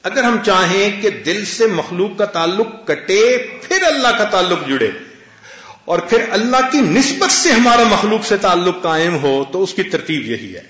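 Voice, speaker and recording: A man's voice: high-pitched, big pitch swings, fairly bright tone. A man giving a sermon, telling a story and quoting scripture in Arabic. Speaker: religious scholar. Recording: echoey dull lo-fi recording.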